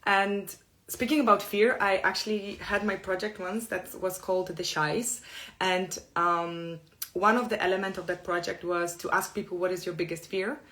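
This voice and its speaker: In a mid-range, fairly bright voice with fairly even intonation, a middle-aged Polish woman gives a heartfelt self-help talk in Polish-accented English. Polish is her first language, and she speaks earnestly and openly in slow, careful phrases.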